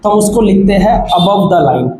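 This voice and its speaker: A man's voice: high voice, lively intonation, normal speed, darkish tone. A man teaching shorthand at a board, explaining step by step and checking in often to make sure his students follow. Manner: patient, repeats "ठीक है" to check understanding. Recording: echoey room, faint background noise.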